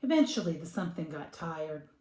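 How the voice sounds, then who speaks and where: Reading a picture book aloud for kids, this middle-aged American host talks in a relaxed way and leans into the words with expressive stress. She speaks low and fairly quickly, in a roomy-sounding space with background noise.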